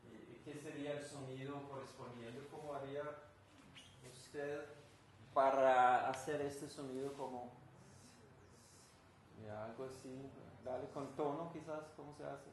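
A Danish composer with a Danish accent gives an informal talk to an audience in a room, asking them questions and sometimes searching for words. His mid-range voice is steady and measured. The recording is roomy, with faint room noise.

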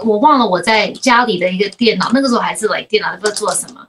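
A woman in her forties, co-hosting a casual talk show, telling stories in a lively way and mixing in English words. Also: mid-range voice, rapid-fire. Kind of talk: casual chat.

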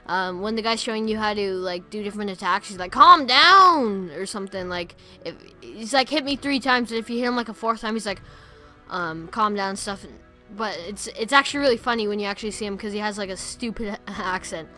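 A woman giving casual, excitable gameplay commentary, rambling with lots of "like" and "friggin'". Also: mid-range voice, quick pace, soft background music. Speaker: gaming YouTuber.

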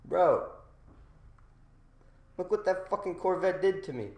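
A man's voice: high voice, animated, measured pace, a little mellow. Slangy frat-bro young man, roomy echo. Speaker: gamer recording a gameplay video. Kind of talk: casual gameplay commentary. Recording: roomy echo, engine noise behind. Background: racing game car sounds.

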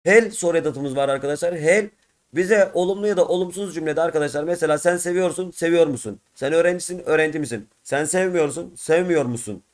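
A hoarse man teaching a textbook lesson, reading short foreign phrases and translating them word by word for his students. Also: on the high side, fairly quick, darkish tone. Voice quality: rough-edged. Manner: reads Arabic phrases then translates them word by word, addressing students as friends.

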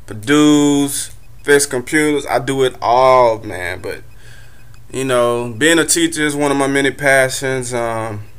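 A man's voice: medium pitch, a little slow, a bit bright, clean tone. A young man doing a stand-up comedy monologue, telling loose, chatty stories full of fillers.

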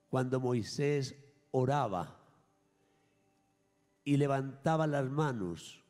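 In a church, a priest with a voice on the low side preaches an emphatic sermon at Mass, swinging between raised and hushed lines. The sound carries a long reverb tail.

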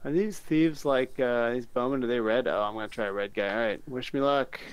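A man chatting casually and joking loudly with friends while playing a VR game over online voice chat. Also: medium pitch, fast talker, clean tone, no echo. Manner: joking, excitable, swears a lot. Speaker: gamer.

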